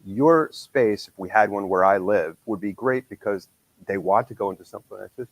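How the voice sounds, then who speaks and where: A man's voice: fairly low pitch, normal speed, no room sound, poor audio. A man hosting a casual podcast, his voice nasal from a cold, upbeat and promotional. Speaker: podcast host.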